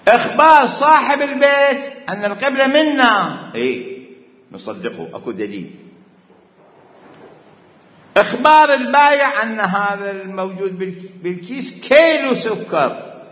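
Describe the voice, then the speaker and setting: A man with an Iraqi Arabic accent teaches religious law in an argumentative style, asking questions and knocking them down one by one. His pitch swings widely as he makes each point. The sound is roomy with a long hall echo and a dull, muffled tone. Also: sing-song, normal speed, pauses often, fairly bright tone. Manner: argumentative, posing and answering questions. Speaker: jurisprudence teacher.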